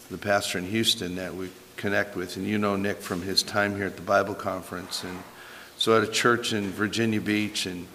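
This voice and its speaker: A man preaching as a pastor in an earnest, informal way, his voice thin, squeaky and strained from a sore throat. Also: a bit bright, a little hiss or hum. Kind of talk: sermon. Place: large reverberant church hall. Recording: long hall reverb.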